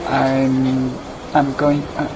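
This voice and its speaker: Halting man, flat and slow. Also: medium pitch, background noise. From China. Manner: halting, simple learner's English. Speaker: adult English student.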